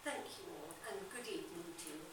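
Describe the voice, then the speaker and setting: A woman's voice: lowish voice, animated, fairly quick, close to an everyday voice. A woman playing a dignified early twentieth-century women's organizer, delivering a formal, gracious scripted speech. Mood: gracious, proud. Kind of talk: amateur historical monologue, scripted public speech. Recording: very echoey hall from far off, faint noise.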